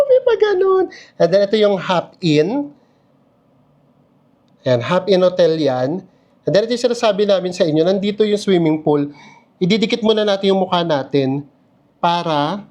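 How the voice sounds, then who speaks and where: A man's voice: high voice, lively intonation, normal speed, pauses often, darkish tone. A man giving a casual, chatty tour of a hotel room, laughing often and making playful asides. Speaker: travel vlogger.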